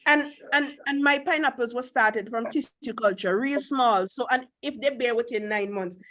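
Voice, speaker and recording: A Caribbean-accented woman with a fairly high voice teaches and takes questions live. She is blunt and emphatic, and keeps putting questions to her students. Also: normal speed, fairly bright tone. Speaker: agriculture instructor.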